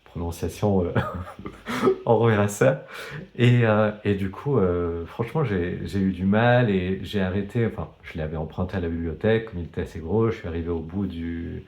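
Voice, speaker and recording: A man talking casually about a novel he read, with frequent pauses and restarts and some self-mocking humor. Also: sits low, darkish tone. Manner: hesitant, many fillers and restarts. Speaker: book vlogger. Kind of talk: casual book review vlog.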